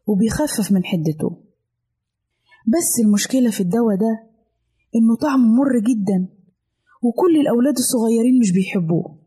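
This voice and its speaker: A woman's voice: medium pitch, slightly rough. A woman with an Egyptian Arabic accent narrating a children's story with an affectionate, storybook delivery. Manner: warm, affectionate.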